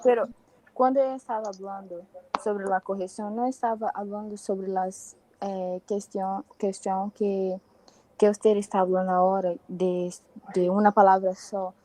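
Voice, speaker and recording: Slow, hesitant woman student. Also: mid-range voice, little pitch movement, mellow, slight background noise, rough recording. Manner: hesitant, searching for words. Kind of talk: classroom question.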